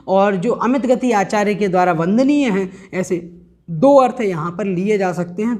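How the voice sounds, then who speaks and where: Male scripture teacher, slow measured delivery, patient word-by-word explanation, careful Sanskrit recitation, online class. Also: high-pitched, a little mellow. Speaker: teacher of a scripture study course. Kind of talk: online religious lesson.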